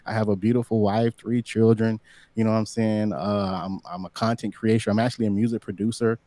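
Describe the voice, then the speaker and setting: Man, late thirties, livestream guest, low mellow voice, dry close mic, lively and preachy. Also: fairly quick, no echo. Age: 30s. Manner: animated, preachy, lots of "you know what I'm saying". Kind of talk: casual livestream interview. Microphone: streaming setup under bright lights.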